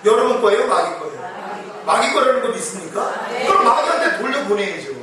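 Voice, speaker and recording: A man's voice: high-pitched, expressive, fairly quick, over a noisy crowd. A male pastor preaching an emphatic revival sermon, acting out quoted prayers. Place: church hall. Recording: very echoey hall, distant mic.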